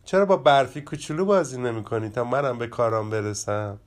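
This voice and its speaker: A man's voice: medium pitch, lightly acted. A man voicing a busy, kindly mother rabbit in a children's storybook reading. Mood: gentle.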